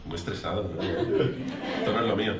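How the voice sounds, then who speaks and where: A man's voice: deep voice, moderate pace, over a noisy crowd. A man taking part in a workshop exercise, talking about his morning with self-conscious laughs. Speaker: workshop participant. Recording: distant echoey recording with loud hiss.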